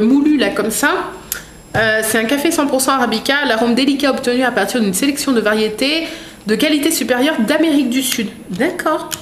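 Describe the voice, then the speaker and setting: Woman vlogger rambling through an unboxing, reads labels out, slightly high voice, roomy echo, bit of hiss. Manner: chatty, many fillers, reads product labels aloud. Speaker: vlogger unboxing a food box. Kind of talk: casual chat, reading labels aloud. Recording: echoey room with faint noise.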